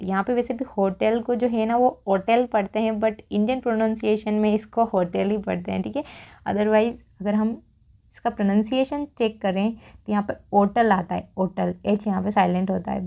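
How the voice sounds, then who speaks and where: An Indian woman, a young adult, gives a spoken English lesson. Her voice is warm and mellow and sits at a middle pitch. She says each practice sentence slowly, twice over, before she explains it. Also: fairly even intonation, creaky. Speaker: English teacher.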